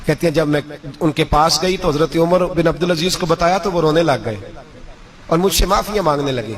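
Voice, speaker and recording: A male preacher tells a moral story in an emotive sermon and swells to emphatic peaks. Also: a little high.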